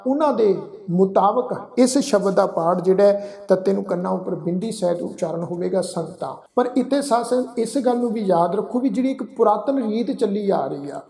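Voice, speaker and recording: A man teaching scripture recitation, reading verses in a slow, drawn-out chant and then explaining pronunciation in brisk everyday speech. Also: high-pitched, lively intonation, gravelly, warm tone. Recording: echoey room.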